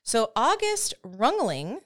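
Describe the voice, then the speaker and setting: Slow and a little high, with wildly swooping pitch and a slightly bright tone, this thirty-something podcast host recounts a history story casually, poking fun at herself and laughing often.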